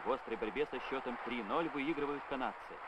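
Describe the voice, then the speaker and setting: A man giving brisk, upbeat scripted narration of a hockey match, as an old Soviet newsreel voice-over. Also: medium pitch. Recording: old newsreel sound over loud crowd and noise. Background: loud crowd and game noise.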